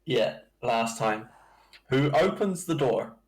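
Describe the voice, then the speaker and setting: A man running a tabletop game as dungeon master, narrating in a slow, halting way with chuckles. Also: mid-range voice, lively intonation, low-quality recording.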